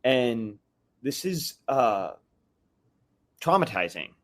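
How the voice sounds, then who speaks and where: A man's voice: medium pitch, sing-song, slow, fairly bright tone. A man is calling in to a live podcast, venting with a lot of heat. He rambles in restarts and fillers, and he keeps tripping over his own sentences in an ordinary mid-range voice. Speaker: caller on a live fan podcast. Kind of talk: casual venting chat.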